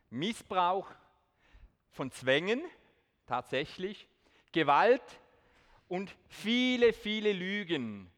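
In a large hall before an audience, a man gives an earnest testimony talk, easing it with self-mocking asides and switching to standard German for the listeners. His voice is slightly high and a bit bright, and a long hall reverb trails every phrase.

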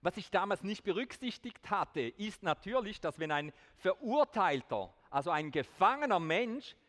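In a large hall before an audience, a man with a slightly high, somewhat bright voice delivers an earnest testimony, easing it with self-mocking asides and switching to standard German for listeners. His pitch swings widely at a normal pace, and a long hall reverb trails each phrase.

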